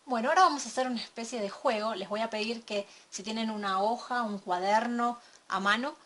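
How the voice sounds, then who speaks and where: A woman teaching a recorded lesson from slides, explaining step by step and checking in with a quick question. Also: on the high side, a bit bright. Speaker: English teacher.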